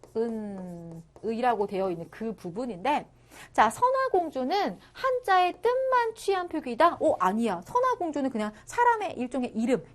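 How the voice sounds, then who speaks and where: Lively woman teacher explaining a lesson. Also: high-pitched. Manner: explains step by step, keeps checking with the listener. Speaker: middle school Korean teacher. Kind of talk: online lesson lecture.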